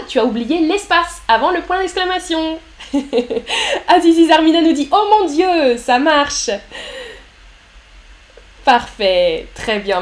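A woman teaching her language on a live stream, cheerfully reading out viewers' chat messages and correcting their punctuation. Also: high-pitched.

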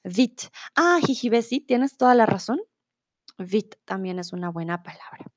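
A woman's voice: mid-range voice, expressive, darkish tone, dry recording. A woman from teaching Spanish on a live stream, reading viewers' chat aloud and encouraging them patiently. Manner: patient, encouraging, repeats words slowly and switches to English.

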